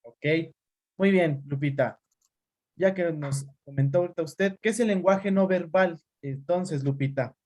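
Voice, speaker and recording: A man's voice: on the high side, a little slow, a little mellow. Man teaching a class online. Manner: calls on students by name, explains with examples.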